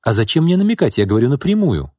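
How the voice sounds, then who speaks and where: A man voicing a drunken, pushy middle-aged businessman in an audiobook, needling, bitter and rising into angry shouts. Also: medium pitch, big pitch swings, quick pace, no room sound, studio quality, voice pushed up. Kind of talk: audiobook character reading.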